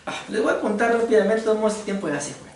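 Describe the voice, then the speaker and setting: A man's voice: high-pitched, fast, darkish tone, a little hiss or hum. A man with a Costa Rican accent preaching a conversational sermon, joking and asking his congregation rhetorical questions. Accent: Costa Rican Spanish. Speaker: pastor. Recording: very echoey room, voice from far off.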